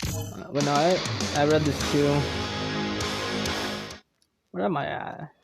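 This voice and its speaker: A male streamer chats loosely between story lines, joking with himself. His voice sits fairly high. Game music plays clearly behind him. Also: fairly even intonation, takes it slowly.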